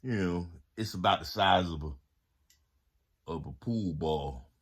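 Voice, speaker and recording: A man's voice: sits low, measured pace, breathy edge. A man casually showing off home products in a haul video, talking to his viewers in a laid-back, slangy way. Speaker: vlogger reviewing home products.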